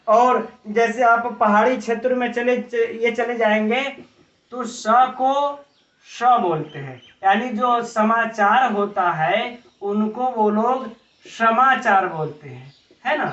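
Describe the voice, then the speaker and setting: A man teaching an exam-prep lecture, explaining with examples, posing rhetorical questions and often adding a quick "right?" tag. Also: sits high, a bit bright. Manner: frequent tag "है ना". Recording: roomy, distant, dull lo-fi audio.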